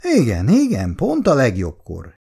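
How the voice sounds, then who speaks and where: A man's voice: medium pitch, wildly swooping pitch, creaky, dark tone, slightly rough, full character voice. A man voicing a worried middle-aged mother who frets, scolds and laments. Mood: fretful scolding. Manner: fretful, complaining and lamenting.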